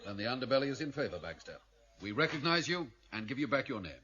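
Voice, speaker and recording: In a radio play, a grave, commanding underworld boss speaks formally and with authority, his pitch swinging widely for dramatic effect. The delivery is fast, sing-song and sharp-toned, in a recording that sounds slightly dull and boxed in.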